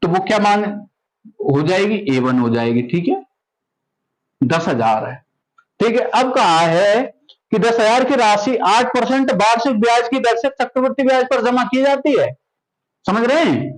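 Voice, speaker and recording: High-voiced man teaching maths. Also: animated, measured pace, poor audio. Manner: questioning, repeats prompts and answers himself. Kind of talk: classroom maths lesson.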